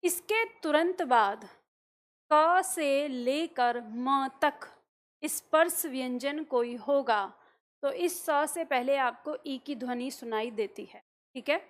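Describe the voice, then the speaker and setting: A woman's voice: high voice, lively intonation, unhurried. A woman teacher explaining a lesson patiently, step by step, checking in with the listener as she goes. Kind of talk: classroom explanation.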